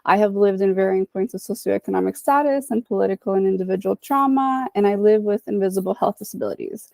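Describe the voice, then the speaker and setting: Appearing as a guest psychologist in a podcast interview, a Dominican woman in her thirties talks reflectively at a quick pace, often saying "right?" and "you know." Her voice is mid-range and darkish with vocal fry, captured in a dry recording.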